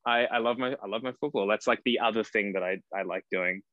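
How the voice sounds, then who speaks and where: A man's voice: on the low side, fast talker, fairly bright tone. An Australian man in his early thirties, an actor from far north Queensland, chatting as a podcast guest in a rambling, self-correcting way over a video call. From Cairns, far north Queensland, Australia. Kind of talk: casual podcast interview. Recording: dry, dull lo-fi call audio.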